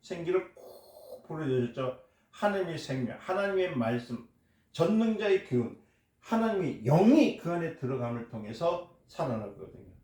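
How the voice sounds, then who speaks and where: A man's voice: a little high, sing-song, moderate pace, dark tone. A man preaching a sermon as a pastor, stressing points and asking his congregation questions. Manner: emphatic, asks the congregation questions and answers them. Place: church hall. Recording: echoey church hall.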